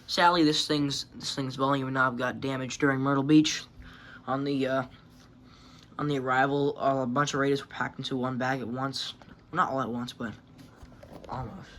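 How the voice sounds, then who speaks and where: Holding a phone to film himself, a man presents his radio collection in a rambling, sweary, offhand show-and-tell. His voice is medium-pitched, level, and a bit bright at a moderate pace, with slight background noise.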